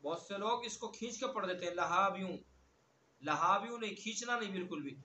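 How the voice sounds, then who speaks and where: A man teaching an online recitation lesson, chanting verses slowly and repeating words again and again to drill their sounds. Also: high voice, lively intonation, bright, forceful tone, echoey room, dull audio, slight background noise. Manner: slow drawn-out recitation of verses between quick explanations.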